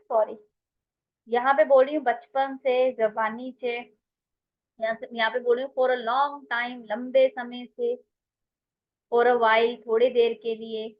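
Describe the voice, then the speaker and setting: Indian woman teaching grammar online, kinda high voice, muffled lo-fi sound, keeps calling students beta. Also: level tone, takes it slowly, long pauses. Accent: Indian English. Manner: addresses students as beta, mixes Hindi and English. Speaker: English teacher.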